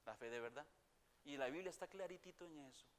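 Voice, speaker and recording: A man preaching a sermon to his congregation, swinging from loud declaiming to hushed tones and repeating phrases for emphasis. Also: fairly high pitch, fast talker. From Costa Rica. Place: church. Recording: church hall reverb.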